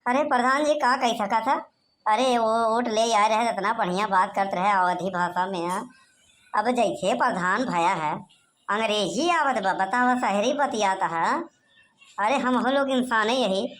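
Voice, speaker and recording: A woman voicing a sly, haggling village man in a cartoon, talking in loud rustic Awadhi with constant tag questions. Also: fairly high pitch, a little slow. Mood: pleading complaint. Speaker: villager voter. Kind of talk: cartoon comedy voice acting.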